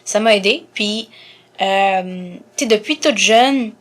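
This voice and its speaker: A woman in her twenties from Montreal with a Quebec French accent, a guest in an interview, soft-spoken with many fillers, often trailing off quietly. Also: mid-range voice, slow pace. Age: 20s.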